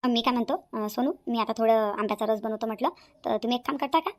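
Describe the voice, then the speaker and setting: A woman's voice: a little high, quick pace, a little mellow, close to an everyday voice. A woman voicing a polite, fussy elder sister-in-law in a cartoon.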